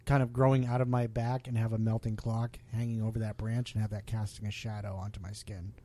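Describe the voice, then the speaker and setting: A man hosting a casual podcast chat, excitable and often laughing, trailing off mid-sentence, with the hiccups. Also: on the low side, a little fast. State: has the hiccups. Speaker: podcast host.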